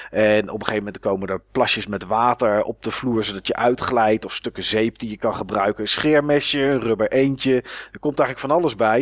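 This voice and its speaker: A man's voice: medium pitch, dry recording, studio quality. A man co-hosting a podcast in casual chat about games, rambling with many fillers and restarts. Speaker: podcast co-host.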